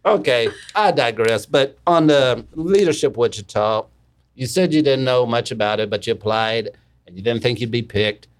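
A man's voice: medium pitch, normal speed. A man co-hosting a podcast with casual, jovial, teasing banter and questions for the guest. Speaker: podcast co-host.

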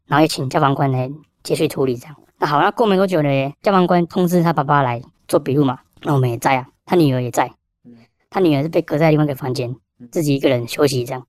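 A man with a Taiwanese Mandarin accent, a police officer telling stories in a rapid, animated way, mixing in Hokkien phrases. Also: on the high side, no room sound, clean studio sound. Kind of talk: casual storytelling.

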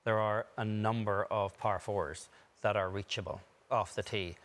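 A man's voice: fairly low pitch, steady tone, unhurried, fairly bright tone. A man speaking as a golf analyst, giving analytical commentary on the broadcast.

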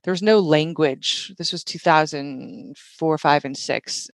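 A woman in her forties telling her story as an interview guest, animated, laughing often and saying "like" and "right". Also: low-pitched, a little slow, no room sound.

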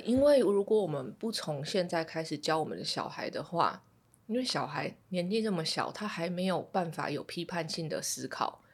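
A woman in her thirties from Taiwan, hosting a podcast and telling a calm, reflective story about her son in casual chat. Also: fairly low pitch, slightly rough. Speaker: podcast host.

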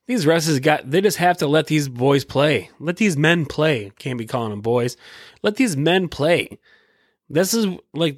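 American dude doing a solo sports podcast, slightly high voice, super dry sound, slangy and sweary, kinda rambles. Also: male voice, no room sound. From Michigan, United States. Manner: casual, slangy, swearing freely; rambling and repetitive. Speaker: podcast host. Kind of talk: casual solo sports commentary.

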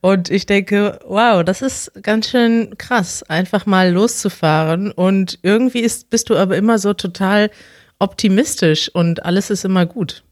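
A woman's voice: medium pitch, a little slow, dry recording, studio quality. A woman hosting a podcast, asking questions in an enthusiastic, easy manner and laughing readily. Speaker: podcast host. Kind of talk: casual interview.

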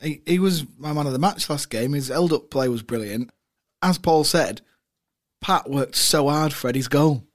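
A man in his thirties chats about football as a podcast panellist. His voice is slightly higher than average, and his style is casual and jokey. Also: normal speed. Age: 30s.

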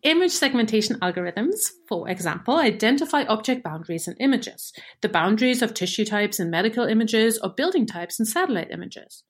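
This native German speaker, a female research engineer, delivers a clear and measured scripted explanation of machine learning. Her slightly high voice has lively intonation.

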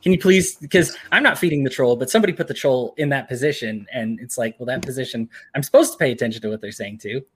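A man's voice: medium pitch, fast talker, few pauses, fairly bright tone, breathy edge. A man hosting a casual livestream discussion, chatty and informal. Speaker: host.

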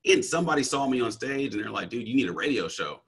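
With big pitch swings and a fast pace, a deep-voiced man discusses his work as a coach and speaker in a laid-back, energetic interview. He sounds a bit bright with a breathy edge, stammers and restarts often, and drops slang like "bro."

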